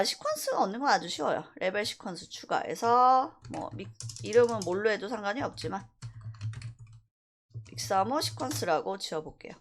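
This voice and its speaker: In a casual screen-recorded software tutorial, an animation instructor explains things in a mid-range voice, slipping back and forth between polite and plain speech.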